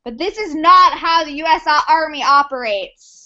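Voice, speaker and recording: Bright high-pitched indignant commander, played by a woman. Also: moderate pace, highs cut off. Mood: exasperated. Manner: argumentative, exasperated. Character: indignant, stubborn army commander who sees only green. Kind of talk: improv comedy acting.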